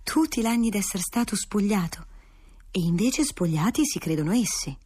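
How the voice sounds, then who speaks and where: Woman doing a diplomatic older duke, calm, smooth-talking, husky. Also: mid-range voice, moderate pace. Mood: placating.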